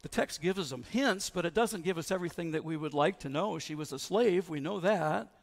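Male pastor, sermon, conversational, high and gravelly, long church echo. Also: fairly quick. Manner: conversational, asks the congregation questions. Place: church sanctuary.

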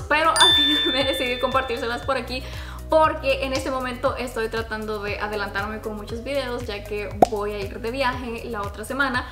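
A young adult woman vlogger telling a personal story in a casual, chatty, expressive way to the camera. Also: on the high side. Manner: expressive, chatty, talks with her hands. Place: small furnished room at home, indoors. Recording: roomy home video sound. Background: background music.

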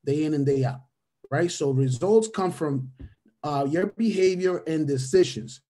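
A mentor in his thirties, a native Spanish speaker from Venezuela, gives a motivational webinar in a mellow, somewhat high voice, slightly raised, at a measured pace. The sound is webcam-call audio from a small room, captured by a webcam or headset. He repeats key phrases for emphasis and punctuates nearly every thought with a questioning "right?".

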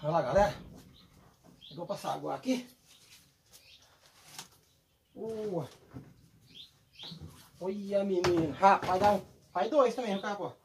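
This is a man with a lilt commentating his own catch by a pond. He talks in loud, excitable exclamations, and faint outdoor noise sits behind his voice. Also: high voice, slow, gravelly, pauses often. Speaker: fishing vlog host. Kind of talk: excited live fishing commentary.

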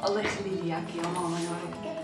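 An actress as a fast-talking defiant widow. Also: female voice, on the low side, little pitch movement, over music, lightly acted. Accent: Syrian Arabic. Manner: argumentative, defiant. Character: young widow, defiant and sharp-tongued.

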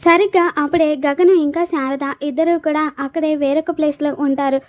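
A woman's voice: high-pitched, steady tone, moderate pace, a little mellow. A woman narrating a television serial recap in a scripted storytelling style.

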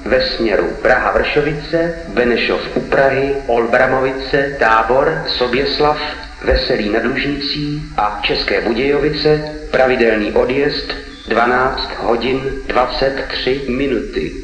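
A man reading a formal station announcement in a measured, segmented way as a railway announcer. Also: mid-range voice, fairly bright tone. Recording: echoey hall, long reverb.

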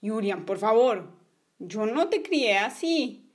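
A woman's voice: fairly high pitch, animated, takes it slowly, breathy edge, full character voice. A woman voicing a stern mother figure in a toy play story, firm and scolding.

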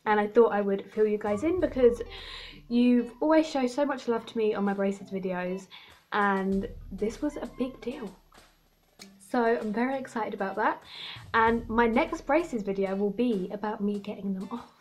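A woman in her late teens chatting excitedly to camera, speaking with braces on, rambling a little. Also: mid-range voice, normal speed. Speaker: vlogger. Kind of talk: casual chat to camera.

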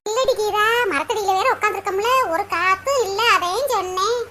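Someone doing a shrill, grumbling village woman. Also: fairly quick. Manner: complaining, gossipy. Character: grumbling older village woman at a work site. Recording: loud clicking noise behind voice.

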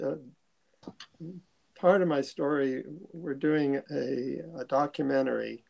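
Older male guest, gravelly voice, earnest, repeats words as he starts. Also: medium pitch, mellow, rough recording. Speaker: guest, musician. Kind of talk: casual interview chat.

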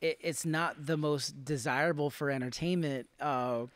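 A man's voice: a little high, fairly even intonation, normal speed, dry recording. A man in his thirties hosting a studio podcast, asking thoughtful questions in casual chat. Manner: affirming, asks thoughtful questions. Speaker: podcast host. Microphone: studio mic with headphones.

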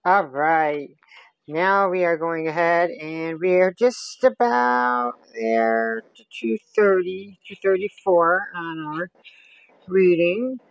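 Here a home cook chats her way through each stage of a recipe as she stirs, a laid-back demonstration captured by a countertop camera. She has a lowish, gravelly voice and speaks slowly, and the audio sounds dull.

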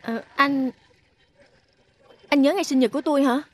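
A woman's voice: high voice, moderate pace, natural voice. An actress playing a timid, polite young servant woman with a Southern Vietnamese accent. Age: young adult. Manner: meek, polite and apologetic.

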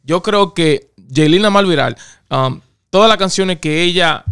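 A man's voice: high voice, measured pace, smooth. A man co-hosting a casual podcast chat, switching between Spanish and English and arguing his points, often checking in with "right?". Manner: animated, argumentative, keeps asking "right?". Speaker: podcast co-host.

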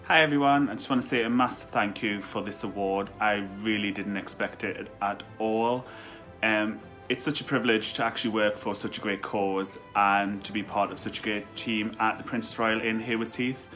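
A man with a bright, forceful, lowish voice gives brief, modest thanks. Soft music sits under his video call audio. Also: steady tone, moderate pace. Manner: modest, casual. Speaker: award winner.

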